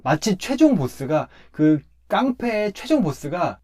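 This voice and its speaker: A man, a pastor, talking through a Bible passage in a relaxed conversational way, emphatic as he explains step by step. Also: high voice, unhurried.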